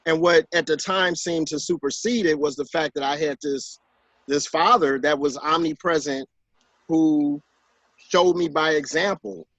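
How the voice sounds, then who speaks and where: A man in his forties, a guest author in a casual conversation, telling stories and acting out quotes in higher voices. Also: unhurried, dry recording. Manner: animated storyteller who acts out quotes in higher voices. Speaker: author and guest on a talk show.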